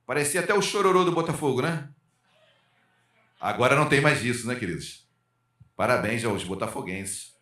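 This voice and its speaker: Pastor preaching in an echoey hall. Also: male voice, mid-range voice, normal speed, pauses often. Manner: calls out to the congregation for amens, rises and drops sharply in loudness. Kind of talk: sermon. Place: church hall.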